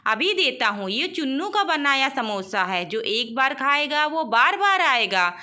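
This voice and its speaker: A woman voicing a male street samosa seller in a storybook tale, brisk and insistent. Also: high-pitched, sing-song, sharp tone, exaggerated voice. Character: grown man, street samosa seller, pushy.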